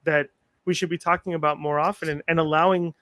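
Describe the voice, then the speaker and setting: A man in his forties, a podcast guest telling personal stories in casual chat, animated and self-mocking, acting out what people said. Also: on the high side, quick pace, dry recording. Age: 40s. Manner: animated, self-mocking humor, acts out quotes.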